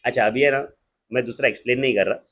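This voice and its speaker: A man with an Indian accent teaching an accountancy class in a joking, lively way, slowing down to dictate definitions. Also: medium pitch. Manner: lively, joking, switches between Hindi and English, slows down to dictate definitions. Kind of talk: classroom lecture.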